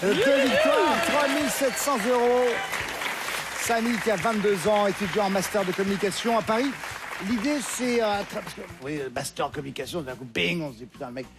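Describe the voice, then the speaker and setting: A man hosting a television quiz show, reading clues briskly and confirming answers. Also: high-pitched, animated, crowd noise, background noise. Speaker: game show host. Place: television studio with audience.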